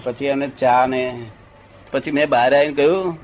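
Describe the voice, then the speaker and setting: A man's voice: mid-range voice, fairly even intonation, normal speed, a little hiss or hum. An older man telling a rambling anecdote in casual chat, often checking that his listener follows. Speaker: storyteller.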